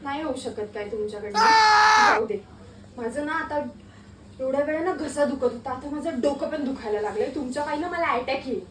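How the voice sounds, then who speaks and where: A strict school dance teacher scolds and needles her pupils with sarcasm, as a woman acts her out in a comedy sketch. Her voice sits very high and carries the rasp of a throat sore from shouting. The mic is some way off in a reverberant room, with steady ambient noise clearly audible underneath. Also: a little fast, recorded from a distance, close to an everyday voice. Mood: fed up.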